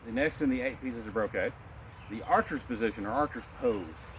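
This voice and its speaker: A man teaching a martial arts qigong lesson, calmly cueing each breath and movement. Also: mid-range voice, brisk, vocal fry, a little hiss or hum. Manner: calm, instructive, cueing breaths. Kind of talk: guided qigong class.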